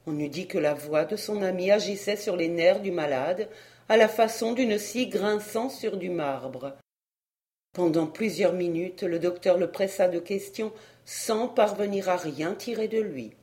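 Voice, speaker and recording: A woman's voice: lowish voice, unhurried, darkish tone. Woman reading a classic novel aloud. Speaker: audiobook reader. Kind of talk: literary audiobook narration.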